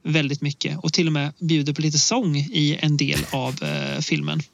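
Higher-voiced man on a dull, dry line. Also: vocal fry, no room sound. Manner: relaxed, laughs a lot, many hesitations. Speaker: podcast co-host. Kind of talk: casual film podcast chat.

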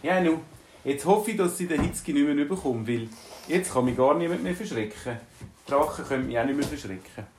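A man's voice: a little high, lively intonation, a little fast, a little mellow, slight background noise. A man with a Swiss German accent voicing an earnest little dwarf in a told story. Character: small male dwarf, hiccuping, earnest. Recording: roomy, distant from mic.

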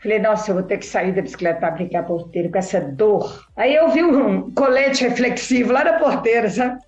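A woman telling a story in casual chat, animated and acting out quoted dialogue. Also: medium pitch, a little fast, faint music behind. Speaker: podcast guest. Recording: echoey room, slightly dull sound.

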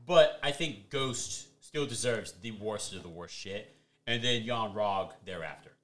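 A man co-hosting a casual podcast chat, animated and playful, swearing freely as he argues his point. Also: fairly low pitch, unhurried. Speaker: podcast co-host. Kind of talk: casual chat ranking movie villains.

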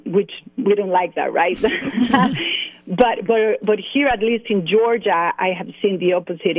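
A woman's voice: mid-range voice, no echo. Costa Rican woman over a phone line. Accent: Costa Rican Spanish. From Costa Rica. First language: Spanish. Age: 40s. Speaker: guest. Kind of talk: interview by phone. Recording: dry phone-line audio.

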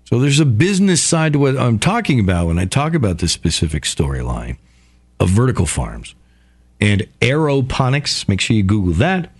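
Excitable, cursing male talk host. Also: medium pitch, normal speed, slightly rough. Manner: profane, excitable, rambling. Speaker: radio show host. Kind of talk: casual monologue.

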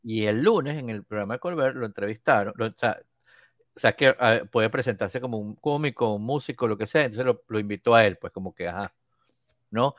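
A man, co-hosting a podcast and telling an anecdote in casual chat, lively and acting out the voices he quotes. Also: lowish voice, fairly quick, no room sound, studio quality. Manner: animated storyteller, acts out quoted voices.

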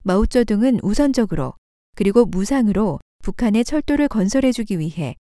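A woman reading a nonfiction book aloud as scripted narration, steady and measured, on a close studio mic. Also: mid-range voice, no echo. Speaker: audiobook narrator.

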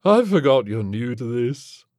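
A drawling, unbothered tentacled alien with a lilt,. His slow speech swoops up and down in a lively way, and the recording is close and dry. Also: medium pitch, no room sound, pitched above the performer's own voice. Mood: laid-back. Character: laid-back male tentacled alien, stoner-casual.

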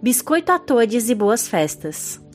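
A woman's voice: on the high side, sing-song, measured pace, faint music behind. A woman with a Brazilian Portuguese accent co-hosting a podcast, playfully reading out listener comments. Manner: playful, laughs often. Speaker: podcast co-host.

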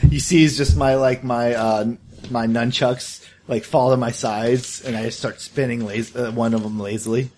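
A man playing a tabletop role-playing game, joking and animated, laughing often. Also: mid-range voice, normal speed, slight background noise. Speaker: player.

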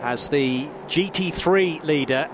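A man's voice: fairly high pitch, slow pace. A man commentating live on a motor race as a motorsport commentator. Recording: clear trackside engine and vehicle noise. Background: car engines and outdoor track ambience.

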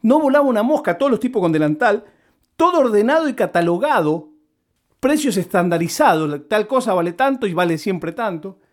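A man with an Argentine Spanish accent, telling a story in a casual monologue and repeating words for comic effect. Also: high-pitched.

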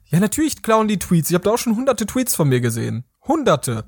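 A man's voice: sits high, sing-song, fairly quick, husky, no echo, studio quality. A man co-hosting a podcast in casual, joking chat, rambling and self-mocking. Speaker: podcast co-host.

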